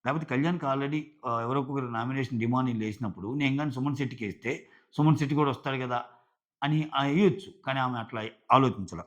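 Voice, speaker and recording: Male reviewer, mid-pitched, chatty, retells scenes by quoting people; slightly muffled recording. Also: fast talker. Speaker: reality show reviewer. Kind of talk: casual recap commentary.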